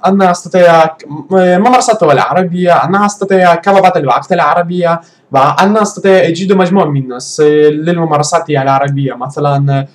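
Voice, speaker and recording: A man with a slightly high voice speaks in beginner's Arabic for a vlog. He hesitates often, fills gaps with long "ah" sounds and restarts his sentences while hunting for words. His delivery is casual and unpolished. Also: quick pace. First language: not Arabic. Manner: hesitant, many fillers and restarts, searching for words. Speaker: language learner vlogger. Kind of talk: halting casual talk in a learner's Arabic.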